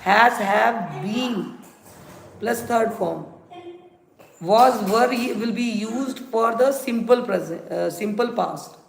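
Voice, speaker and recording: This live-streamed English grammar lesson comes from a woman with an Indian accent whose medium-pitched voice is slow and creaky. She instructs her students by repeating rules and examples, and the sound carries a roomy echo plus faint noise and clicks.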